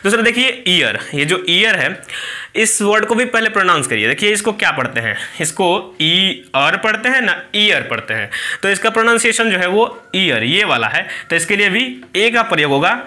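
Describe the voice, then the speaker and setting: A man's voice: high voice, very animated, normal speed, bright, forceful tone. A man teaching a grammar lesson, explaining step by step and answering his own questions.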